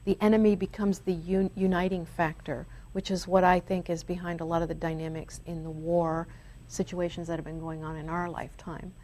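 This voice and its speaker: A woman's voice: fairly low pitch, little pitch movement, fairly quick, mellow. A woman hosting a spiritual talk show, speaking in an earnest, reflective and uplifting way. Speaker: show host. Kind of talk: spiritual talk radio chat.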